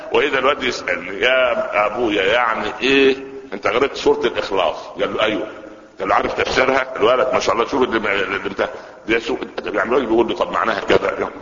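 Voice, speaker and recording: An Egyptian preacher in his sixties talks fast and brightly, keeping up a stream of rhetorical questions to his listeners. His voice rings out in a long-reverb hall. The recording itself is dull and lo-fi. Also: medium pitch. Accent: Egyptian Arabic. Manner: animated, asks the audience rhetorical questions. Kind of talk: colloquial sermon. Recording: echoey hall, dull lo-fi sound.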